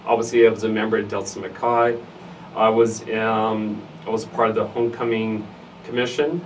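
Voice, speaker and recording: A middle-aged man with an East L.A. accent answers in a conversational interview. His voice is on the low side and he stresses points by repeating phrases. He is recorded a little far from the mic, with faint noise. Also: steady tone, moderate pace. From United States, East Los Angeles area. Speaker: interviewee, fraternity alum. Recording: noisy, distant mic, room ambience.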